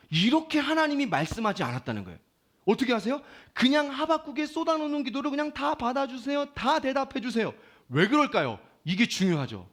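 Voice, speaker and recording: A man preaching a Sunday sermon as pastor, swinging from loud pleading to quiet, confiding talk. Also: extremely high pitch.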